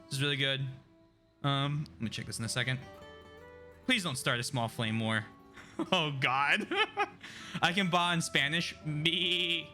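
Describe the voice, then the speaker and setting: A man's voice: fairly high pitch, measured pace, long pauses, pushed and bright, faint music behind. A man streaming a video game live, chatting casually, laughing often and reading the chat aloud.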